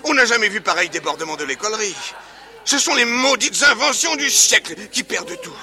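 An actor playing a scandalized, grumbling bourgeois who blusters theatrically in a costume drama. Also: male voice, high voice, lively intonation, fairly quick, pushed and bright, exaggerated voice. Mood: indignant grumbling. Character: indignant, grumbling male bourgeois of old Paris.

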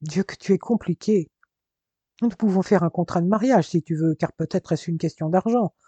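A fiery, stubborn young woman from a spoken novel, read by a man. The voice is dark and a little husky, slightly high for a male reader. She refuses firmly and insists. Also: normal speed, no echo, lo-fi sound. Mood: exasperated.

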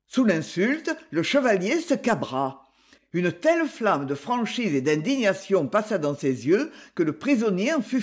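A man narrating an adventure audiobook in an expressive, dramatic reading style. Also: high voice. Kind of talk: scripted narration.

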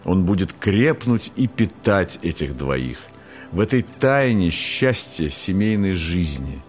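A man voicing a gentle, slow grandmother. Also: sits low, sing-song, soft background music, exaggerated voice. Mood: tender. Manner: tender and soft-spoken. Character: gentle old grandmother, calm and wise.

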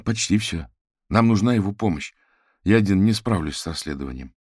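A man's voice: deep voice, expressive, brisk, darkish tone, husky, no room sound, clean studio sound, voice pushed up. A man reading the part of a young male student who leads his friends, speaking firmly. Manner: firm, commanding. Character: young male student leader, firm and brisk.

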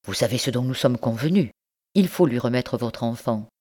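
A woman's voice: rumbling low, lively intonation, moderate pace, warm tone. A woman voicing a stern middle-aged uncle and politician in an audiobook, speaking in curt, brusque words.

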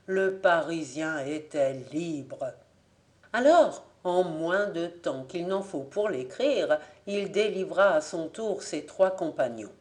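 A woman narrating an audiobook in a measured, clear storytelling manner. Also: fairly low pitch, animated, a little mellow. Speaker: audiobook reader. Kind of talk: scripted narration.

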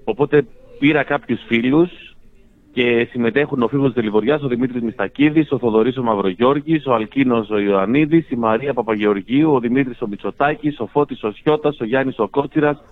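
A man calling in by phone, chatting casually with dry, mock self-important humor. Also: mid-range voice. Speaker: phone-in guest, radio station director. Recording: tinny phone line.

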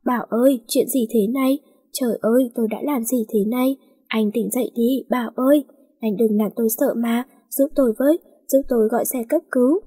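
A woman voicing a furious, heartbroken young woman who answers in sharp, bitter refusals. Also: fairly high pitch, fairly even intonation, a little fast, husky. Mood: pleading.

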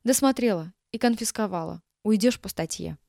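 A woman's voice: medium pitch, normal speed, creaky, darkish tone, dry recording, close to an everyday voice. A stern woman head of a nursery speaks in short, curt lines, as a woman reader puts her on. The recording is dry and close.

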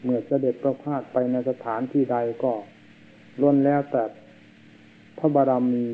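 Very dark-voiced monk preaching on old worn tape. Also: male voice, medium pitch, flat delivery, unhurried, rough recording. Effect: old worn tape recording. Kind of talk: sermon.

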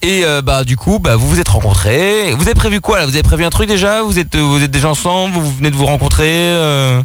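A man's voice: a little high, quick pace. A man hosting a radio call-in show, talking loosely with lots of fillers as he explains the rules. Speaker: radio host.

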